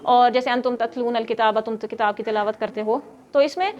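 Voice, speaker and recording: A woman's voice: on the high side, fairly even intonation, darkish tone, dull audio. A woman teaching a grammar class who explains step by step, quizzes her students and scolds them when they get noisy.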